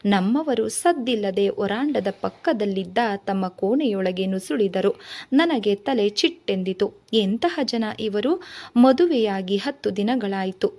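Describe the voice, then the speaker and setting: Woman storyteller, novel reading, measured, expressive, middle pitch. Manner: measured, expressive first-person narration.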